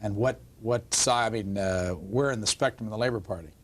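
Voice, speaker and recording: A man hosting a call-in program, brisk and matter-of-fact as he takes calls. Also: lowish voice. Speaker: call-in show host.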